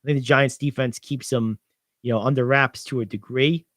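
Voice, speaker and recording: A young man co-hosting a sports radio show, animated and confident as he talks through football picks, piling on "I think". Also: medium pitch, moderate pace, dry recording, clean studio sound. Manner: animated, gets louder when excited, many "I think"s. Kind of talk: sports betting talk.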